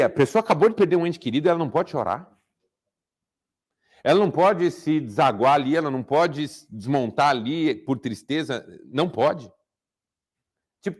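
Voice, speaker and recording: A man's voice: a little high, a little mellow. A man giving a motivational talk to a men's group, asking rhetorical questions and acting out little dialogues. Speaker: speaker at a men's group, therapist.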